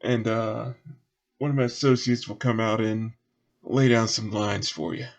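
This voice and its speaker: A man voicing a showy male nightclub host who booms out greetings and works the crowd. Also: a little slow, gravelly. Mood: genial. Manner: booming, crowd-working showman.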